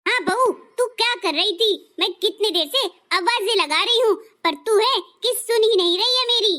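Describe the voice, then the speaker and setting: A woman's voice: extremely high pitch, normal speed, bright, forceful tone. A woman doing a nagging, scolding mother-in-law. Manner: scolding, grumbling.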